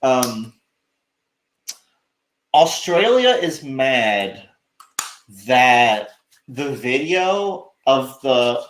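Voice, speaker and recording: A man's voice: medium pitch, reverberant, poor audio. A man hosting a livestream, rambling and sarcastic, swearing freely as he talks casually to his chat. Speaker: livestream host.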